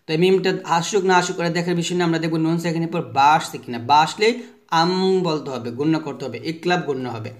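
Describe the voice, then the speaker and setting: A man teaching the rules of Quran recitation. He asks the class a question, answers it himself, and chants the letter sounds slowly for listeners to repeat. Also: on the high side, steady tone. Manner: has listeners repeat after him. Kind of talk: tajweed lesson.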